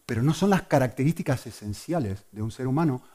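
A man preaching a sermon to a congregation, swinging between loud emphasis and hushed asides. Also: mid-range voice, animated, fast.

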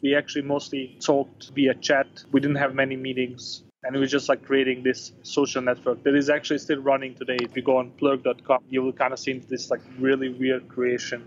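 A man speaks casually as an interview guest. His phrasing is loose and halting, at a middling pitch, over a slightly muffled recording with faint noise. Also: completely flat delivery. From Bosnia-born, grew up in Denmark. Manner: informal, hesitant phrasing peppered with "like". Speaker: interview guest, tech company founder.

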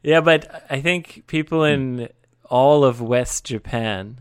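A man who speaks English as his first language talks very slowly and deliberately, with a smooth, clear voice, teasing his co-host. The sound is dry and close, with no room around it. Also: medium pitch, dry recording. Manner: teasing, slow deliberate phrasing. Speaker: podcast co-host. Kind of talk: casual chat.

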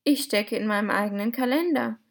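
A woman's voice: fairly high pitch, fairly quick. A woman voicing a shy, embarrassed young girl who speaks politely and hesitantly.

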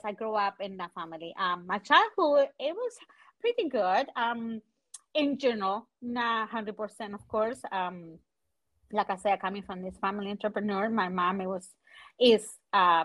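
A woman in her forties from Chile, appearing as a guest entrepreneur in a casual interview, speaks English as a second language with a Chilean Spanish accent. Her medium-pitched, slightly bright voice is halting as she searches for words, using frequent fillers. The recording is rough.

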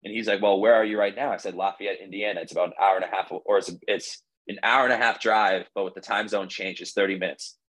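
Low-voiced young man telling a rambling story. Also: steady tone, fast, few pauses, a bit bright, rough recording. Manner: rambling, filled with "like" and restarts. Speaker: podcast guest, baseball pitcher. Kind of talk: casual storytelling.

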